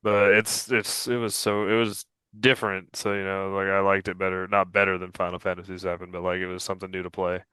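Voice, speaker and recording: A man in his thirties with a low voice talks in a laid-back way on a gaming podcast. His tone is smooth and resonant. The sound is dry and close. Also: flat delivery, fairly quick, hardly any pauses, bright, forceful tone, no echo. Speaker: podcast co-host. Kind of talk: casual chat.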